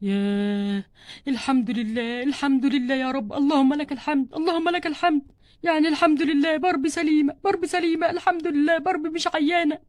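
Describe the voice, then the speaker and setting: A woman's voice: high-pitched, steady tone, fast talker, a little mellow, no echo, clean studio sound, close to an everyday voice. A woman voicing an adult man doll who frets over his sick wife, speaking Egyptian Arabic with pleading, repeated words. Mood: relieved. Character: worried devoted husband doll, adult man. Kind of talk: doll play storytelling.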